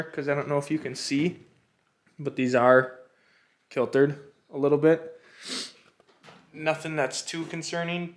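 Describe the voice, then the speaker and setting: A man's voice: fairly high pitch, fairly bright tone, a little hiss or hum. Casual man thinking aloud in barn. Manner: unsure, thinking aloud with many fillers. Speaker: DIY renovation vlogger. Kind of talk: casual walkthrough talk to camera. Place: inside an old barn.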